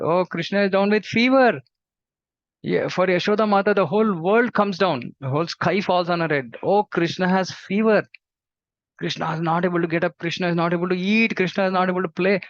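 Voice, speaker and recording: A man telling a devotional story in an animated way, acting out the characters' lines. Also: fairly quick, no room sound. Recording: dull, dry low-fidelity recording.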